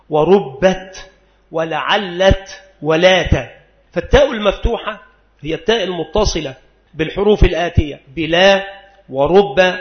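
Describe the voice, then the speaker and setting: A man teaching a lecture, repeating each rule and slowing down to spell out examples. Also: high-pitched. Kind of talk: recorded classroom lecture. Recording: roomy, dull lo-fi recording.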